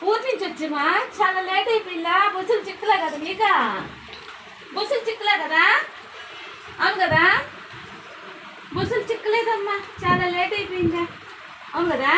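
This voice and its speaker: A woman's voice: extremely high pitch, moderate pace, pauses often. A middle-aged woman with a Nellore Telugu accent, a vlogger chatting at home in doting baby talk to a small child. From Andhra Pradesh, India. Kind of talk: casual family vlog chat. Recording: echoey room from a distance, background noise.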